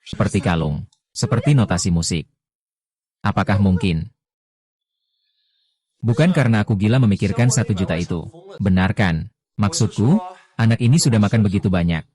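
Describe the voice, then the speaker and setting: A man reading all the parts of a dubbed drama in a flat, unhurried way. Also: lowish voice.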